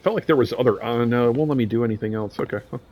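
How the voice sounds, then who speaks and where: A man's voice: mid-range voice, racing, a little mellow, a little hiss or hum. A young man casually playing a horror game, reading its text aloud and joking with slang between lines. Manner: casual, joking, says "dude" and "bro". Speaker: gameplay streamer.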